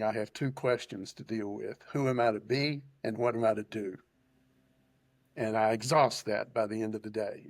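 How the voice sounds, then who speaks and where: A man with an Appalachian accent talks reflectively as a guest in a discussion. His drawl is mid-pitched and deliberate, laying out points one by one. The sound is dry, with little room on it. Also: no echo. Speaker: panel guest. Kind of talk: reflective conversational monologue.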